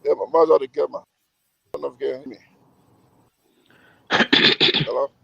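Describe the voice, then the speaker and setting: A man calling in from his car on speakerphone while driving, talking in a hurried, halting way with many fillers. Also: medium pitch, steady tone, gravelly, pushed and bright, slightly rough, dry recording. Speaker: call-in participant. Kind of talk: online group discussion. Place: in a moving car. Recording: muffled lo-fi phone line.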